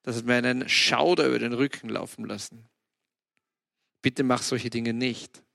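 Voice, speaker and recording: A man gives a casual devotional podcast talk, telling lively stories and dropping in English exclamations. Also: medium pitch, moderate pace, vocal fry, no echo, clean studio sound. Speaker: podcast host.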